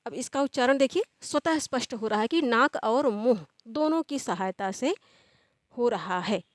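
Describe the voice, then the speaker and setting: A woman teaching a grammar lesson, who asks questions and then answers them in a steady, explaining way, drawing out the example words slowly. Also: on the high side, dry recording, studio quality.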